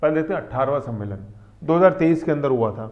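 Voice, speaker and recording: A man's voice: on the high side, lively intonation, quick pace. Coaxing male teacher counting on a map. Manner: coaxing, repeats tag questions and counts aloud. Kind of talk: exam-prep lecture explaining a map. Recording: muffled lo-fi recording.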